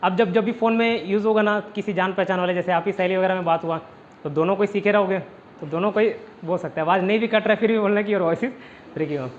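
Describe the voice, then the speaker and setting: A man's voice: sits high, fairly even intonation, quick pace. A man teaching an online class, chatty and often checking in with his students. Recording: dull lo-fi audio with faint noise.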